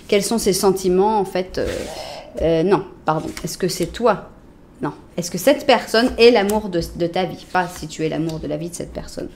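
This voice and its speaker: A French woman talks her viewers through a tarot spread in a loose, friendly way. She muses aloud, jokes a little and fills her pauses with small hesitations. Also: medium pitch, a little mellow, slight background noise. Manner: chatty, playful, thinking aloud with fillers. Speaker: tarot reader. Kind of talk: casual tarot reading to camera.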